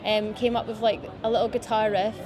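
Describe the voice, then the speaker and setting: Talking a little fast in a mid-range voice, a Scottish Highlands musician in her twenties casually rambles about her music, filling her speech with fillers. The interview is outdoors by a city riverbank, with a crowd audible behind her.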